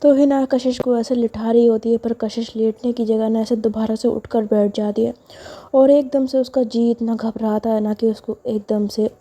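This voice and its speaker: A woman's voice: on the high side, steady tone, moderate pace, mellow. A woman telling a love story in a chatty, casual way, with many fillers. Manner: chatty, repetitive narration with fillers. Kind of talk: casual spoken narration.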